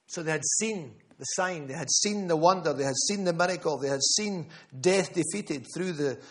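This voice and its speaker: In a church gathering room, a man with a highish voice preaches a sermon at a normal speed. He's emphatic, repeats key phrases, and calls out to listeners by name.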